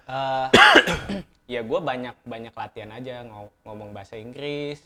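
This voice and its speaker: Casting: male interview guest, Indonesian accent, can't roll his r, crisp bright timbre, informal conversational delivery. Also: mid-range voice, wildly swooping pitch, slow. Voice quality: lisp on the r sound (cadel). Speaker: barista competition champion, interview guest. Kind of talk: casual chat.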